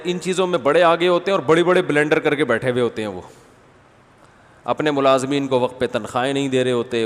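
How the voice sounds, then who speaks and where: A man giving a conversational sermon as a religious scholar, addressing listeners as brother and reciting verses between his points. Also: mid-range voice. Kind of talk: Ramadan sermon after night prayers. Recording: long hall reverb.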